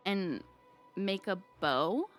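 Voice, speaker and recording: A woman player in a tabletop game, giggly and excitable as she describes her moves. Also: medium pitch, extremely slow, soft background music.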